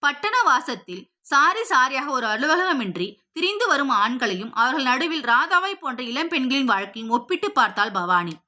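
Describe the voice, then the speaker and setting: A woman narrating a story in a steady, expressive, scripted storytelling voice. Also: high-pitched, normal speed. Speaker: audiobook narrator.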